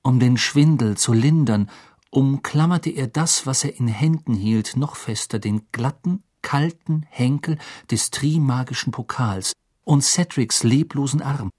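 A male audiobook narrator tells a fantasy story in a calm, measured voice. His tone is slightly husky. The recording is dry and close. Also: mid-range voice, no room sound.

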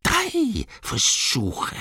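A man voicing a slimy, hungry cave creature in an audiobook, with a whispery, hissing voice and drawn-out words that jump to squeaky highs. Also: wildly swooping pitch, pushed and bright, husky, dry recording, studio quality, full character voice. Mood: agitated hissing. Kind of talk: audiobook character voice.

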